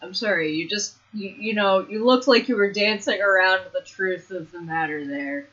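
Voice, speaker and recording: A woman's voice: medium pitch, moderate pace, fairly bright tone. Teasing woman on a game stream. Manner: playfully needling. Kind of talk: casual teasing banter. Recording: dull lo-fi stream audio.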